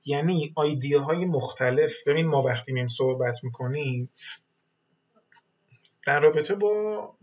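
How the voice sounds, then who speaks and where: A man teaching a webinar lesson on an English exam, who explains patiently, mixes English terms into his talk and often pauses on fillers, and who speaks English. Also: a little high, lo-fi sound.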